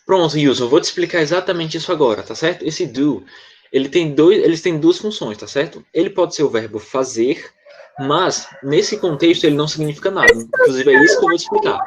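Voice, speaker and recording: A man's voice: a little high, very animated, a little fast, husky. A Brazilian man teaching an online class, patiently explaining a grammar rule and checking often that students follow. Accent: Brazilian Portuguese. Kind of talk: online English lesson explained in Portuguese.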